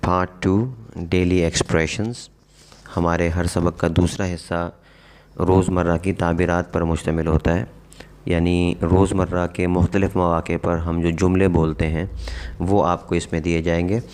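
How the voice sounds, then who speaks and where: A man teaches English in a patient, measured way. He stops to repeat example words slowly, as if for a class to copy. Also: low voice, little pitch movement, darkish tone. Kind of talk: explaining lesson.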